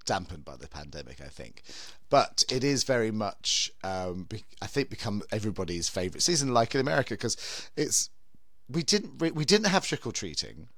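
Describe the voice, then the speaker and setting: A British man in his fifties hosts a casual podcast chat. His pitch moves around a great deal as he rambles through false starts, recorded dry and close. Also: sing-song, a little fast, fairly bright tone, dry recording. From United Kingdom. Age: 50s. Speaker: podcast host, drag queen horror host.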